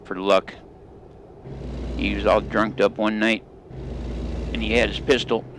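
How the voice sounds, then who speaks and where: Brief: middle-aged male host, folksy rambling storyteller, lowish voice, loud engine hum behind. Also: level tone, unhurried. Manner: folksy, rambling drawl with country grammar. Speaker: gaming channel host. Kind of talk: storytelling while playing a driving game.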